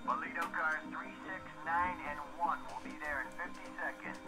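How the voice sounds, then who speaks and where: Patrol officer heard through a police radio, clipped and businesslike, game score underneath. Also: male voice, on the high side, steady tone, moderate pace, over music. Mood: curt. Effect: police radio transmission.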